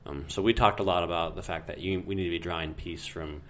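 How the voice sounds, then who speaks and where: A man in his thirties co-hosting a casual podcast from home, talking in a relaxed, rambling way with fillers. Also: low-pitched, fast, a little hiss or hum. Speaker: podcast co-host. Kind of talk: casual chat.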